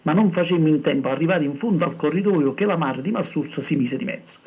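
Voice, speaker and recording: A man's voice: fairly high pitch, fast talker, a little mellow, slightly rough. An older man telling a wry, reminiscing story. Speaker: narrator. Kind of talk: storytelling narration. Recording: dull lo-fi recording with faint music.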